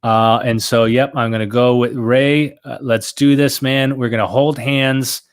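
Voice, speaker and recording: A man's voice: medium pitch, fairly even intonation, unhurried, smooth. A young man chatting casually on a trivia livestream, rambling and self-mocking with lots of fillers. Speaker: trivia contestant and co-host.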